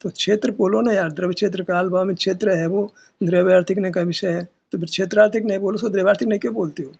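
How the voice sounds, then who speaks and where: A man's voice: high voice, steady tone, quick pace, gravelly, darkish tone, husky. A man teaching at a meditation session, arguing his point with rhetorical questions and casual asides. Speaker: spiritual teacher. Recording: dull lo-fi recording.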